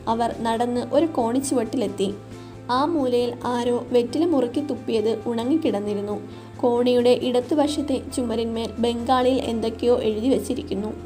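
A woman reading a literary short story aloud in steady, measured narration. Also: a little high. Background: soft background music.

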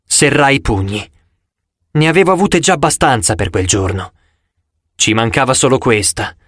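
A man reading a story aloud in first person as an audiobook narrator, in an expressive, dramatic way. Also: medium pitch, normal speed, husky, no echo, clean studio sound.

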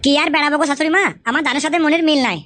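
A woman voicing a young, hot-tempered new son-in-law in an adult cartoon, ranting rapidly and swearing indignantly. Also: high-pitched, fairly bright tone. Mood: aggrieved.

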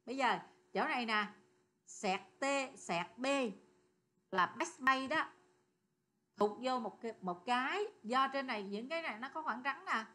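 A woman explains code step by step, with a bright, clear tone pitched a little high. She talks in a chatty way and keeps turning to her students with questions. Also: animated, a little slow. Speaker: programming teacher. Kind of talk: screen-recorded coding lesson.

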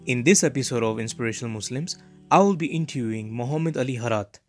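A man's voice: mid-range voice, animated, fast. A man hosting an interview, polite and deferential, with many fillers between his phrases. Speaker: interview host. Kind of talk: hosted interview. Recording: distant mic in a very echoey room, faint music.

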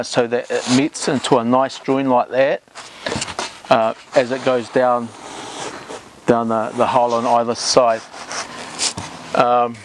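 A middle-aged man speaks slowly and steadily, pausing often with ums and uhs as he explains each step of a canoe build. He stands in a timber boat shed, filmed from a medium distance, with a faint low hum of ambience behind him. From Samoa or Tokelau. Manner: slow, measured, with many ums and uhs. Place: timber boat shed with plastic-lined walls.

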